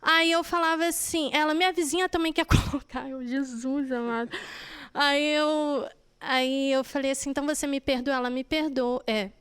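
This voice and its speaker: A woman gives a personal testimony to a church group. Her voice sits high, and she tells her story by acting out the back-and-forth conversations. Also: steady tone, normal speed, a bit bright. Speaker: church member giving testimony.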